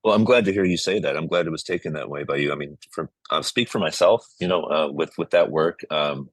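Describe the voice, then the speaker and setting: With a bass voice and a fairly quick pace, this middle-aged interview guest from the San Francisco Bay Area reflects earnestly, frequently hunting for the right words. He works as a musician and compiler of music, and the sound carries no echo.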